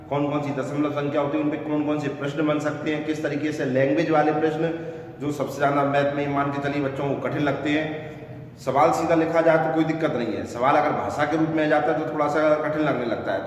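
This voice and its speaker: Male math coach lecturing a class; patient and repetitive; recorded from far off in a reverberant room, faint hiss. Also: a little high. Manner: patient, repeats "ठीक है ना" to check in. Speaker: math teacher. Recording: echoey room from a distance with faint noise.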